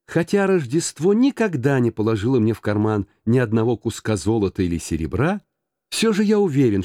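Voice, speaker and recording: A man's voice: medium pitch, mellow, dry recording. A man voicing a cheerful, earnest young man who pleads eagerly with his uncle, in a dry audiobook reading.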